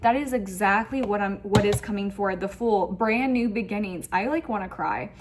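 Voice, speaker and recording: With background noise behind her, a tarot reader speaks at a normal pace in a mid-range female voice. She hosts an online spiritual reading for viewers, gushing emphatically and repeating phrases frequently.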